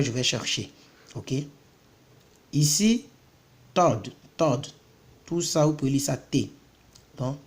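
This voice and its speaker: A man from Côte d'Ivoire, giving a casual vocabulary lesson and repeating each word several times before explaining it. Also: medium pitch. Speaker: self-taught English vocabulary tutor.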